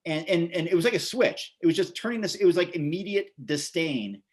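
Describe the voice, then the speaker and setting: A vegan bodybuilder and author, this American man in his forties speaks a little fast with a voice on the high side. He's a casual interview guest whose stories ramble and repeat words.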